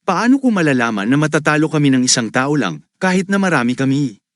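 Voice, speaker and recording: A man's voice: a little high, very animated, fast talker, no room sound, studio quality. A man voicing a defeated, proud male cavalry captain in a recap story, speaking insistently.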